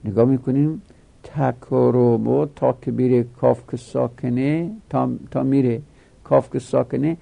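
A man teaching a grammar lesson, explaining slowly and repeating each step while asking questions. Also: medium pitch, fairly even intonation, creaky, mellow.

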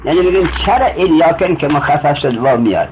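A man's voice: a little high, lively intonation, slight background noise. A man teaching a traditional Arabic grammar lesson, explaining step by step and quizzing his student as he goes. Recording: muffled lo-fi recording.

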